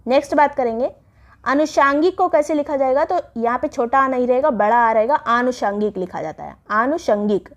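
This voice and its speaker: A woman teaching an exam-prep Hindi spelling lesson. She explains each word slowly and repeats the right and wrong forms. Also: sits high, lively intonation, highs cut off.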